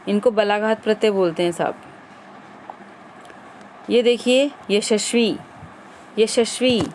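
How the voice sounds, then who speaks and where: A woman's voice: mid-range voice, slight background noise. A woman teacher running an exam-prep grammar lesson, quizzing viewers and repeating the answers.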